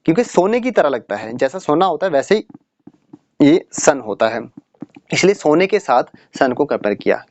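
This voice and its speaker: A man teaching a casual English lesson, chatty and asking rhetorical questions, reading the English examples slowly. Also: mid-range voice, a little mellow. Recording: dry, slightly muffled audio.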